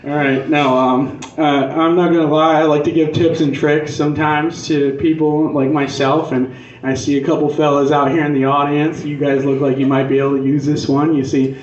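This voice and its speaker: A man's voice: a little high, flat delivery, normal speed, slight background noise. Echoey, distant man doing crude stand-up. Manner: profane, conversational, punchy. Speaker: stand-up comedian. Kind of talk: stand-up comedy monologue, crude casual rant. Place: live comedy venue on stage. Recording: echoey club room, distant dull mic.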